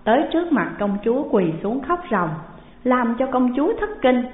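A woman's voice: a little high, big pitch swings. Woman narrating. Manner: slow, measured reading. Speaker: storyteller. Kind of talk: scripted narration of a classical tale. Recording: tinny phone-like sound, long hall echo.

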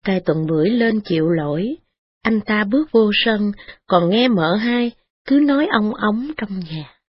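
A woman reading a story aloud in a steady, expressive way. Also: medium pitch, a little slow, husky. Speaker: narrator. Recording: dull lo-fi recording with faint music.

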